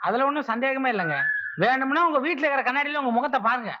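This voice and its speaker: Cheeky young suitor. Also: male voice, extremely high pitch, fast talker. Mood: teasing. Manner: cheeky, teasing. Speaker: music student in love. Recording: dull noisy old film soundtrack.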